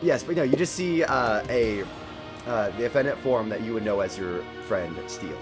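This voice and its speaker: A man improvising narration as game master of a tabletop game, often halting to find his words. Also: on the low side, lively intonation, music in the background.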